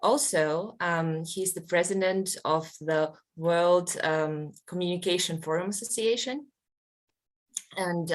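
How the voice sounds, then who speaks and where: A woman moderating a forum, introducing the speaker in a polite, hesitant way. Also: fairly low pitch.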